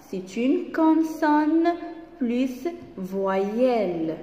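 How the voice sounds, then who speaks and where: A woman teacher, reading letters and syllables slowly for young children, repeating each sound. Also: high voice, darkish tone, a little hiss or hum. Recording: echoey, dull room recording.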